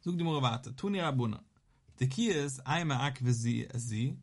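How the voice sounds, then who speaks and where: A man giving a Talmud lesson, talking quickly in a rising and falling study chant. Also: medium pitch, lively intonation, a little mellow. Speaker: Talmud teacher.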